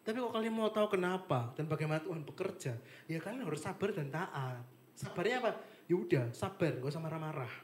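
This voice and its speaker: A young man giving a casual devotional talk, chatty and animated, with lots of fillers. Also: fairly high pitch, quick pace, slight background noise. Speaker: devotional speaker. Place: apartment meeting room with live and online audience.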